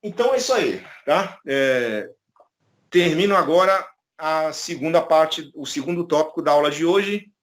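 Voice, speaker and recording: A man's voice: on the high side, lively intonation, normal speed. A man with a Brazilian Portuguese accent teaching an online electronics class, explaining patiently and checking in often with the students. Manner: explanatory, many "tá?" and "né?" tags.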